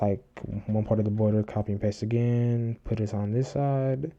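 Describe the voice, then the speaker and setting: The audio is dull as a man with a fairly low, mellow voice narrates a screen-recorded tutorial. He's casual and rambling, with many fillers and restarts, and he breathes heavily into a desk microphone right by his mouth.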